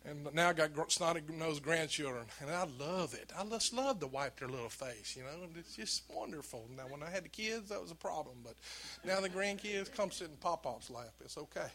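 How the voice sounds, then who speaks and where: A man's voice: on the high side, lively intonation, a little fast, bright, forceful tone. An older man preaching a sermon, telling folksy stories to the congregation and building to emphatic exhortation. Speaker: pastor.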